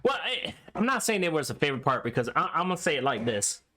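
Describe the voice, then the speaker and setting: A man co-hosting a casual review chat, laid-back and quick to laugh, sometimes speeding up in bursts. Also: a little high, big pitch swings, bright, forceful tone, a little hiss or hum. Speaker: co-host.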